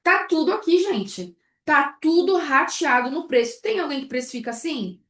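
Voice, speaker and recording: A high-voiced woman leads a live class on pricing sweets. She keeps throwing rhetorical questions at her students. Her voice carries a roomy echo. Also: normal speed. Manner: lively, rhetorical questions to the audience. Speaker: baking business instructor.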